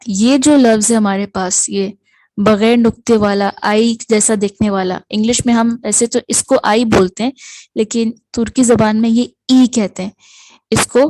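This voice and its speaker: A woman with a fairly high voice teaches letters one at a time, patiently repeating every sound. The voice-over is close and dry, with no room sound behind it. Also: mellow, no echo, poor audio. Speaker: language teacher. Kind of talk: alphabet lesson, slow explanation.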